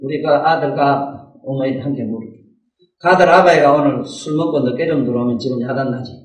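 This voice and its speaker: A man's voice: medium pitch, brisk. A man with a Gyeongsang accent giving a Buddhist sermon in a folksy, rhetorical way, often prodding listeners with "eh?" questions. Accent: Gyeongsang Korean. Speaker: Buddhist dharma teacher. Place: dharma hall. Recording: echoey room, distant mic.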